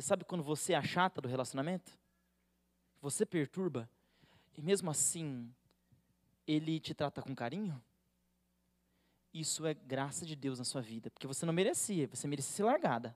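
A man's voice: on the high side, darkish tone, no echo, clean studio sound. A Brazilian man, a pastor, preaching a sermon with a humorous, teasing manner and acting out the voices he quotes. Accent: Brazilian Portuguese.

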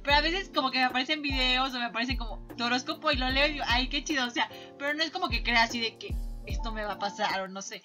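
A young woman with a Mexican accent, co-hosting a casual chat podcast, bubbly and quick to laugh. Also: high voice, pushed and bright, soft background music. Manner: bubbly, laughs often, slangy filler "o sea". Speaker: podcast co-host.

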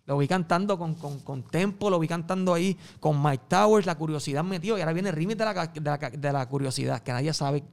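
Puerto rican guy telling a story, kinda raspy, voice a bit high for a man, jumps between loud and quiet. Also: a little fast, few pauses. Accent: Puerto Rican Spanish. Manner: acts out quoted voices, swings loud and soft. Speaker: music promoter and guest. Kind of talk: animated storytelling in an interview.

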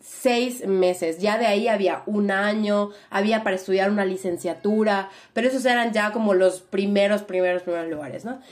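A young woman with a Mexican accent talks through her memories in a relaxed interview. She is animated and reflective, circling back with "o sea" and tag questions as she goes. Her voice sits at an ordinary middle pitch. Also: moderate pace, few pauses. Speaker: interview guest. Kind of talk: casual conversational interview.

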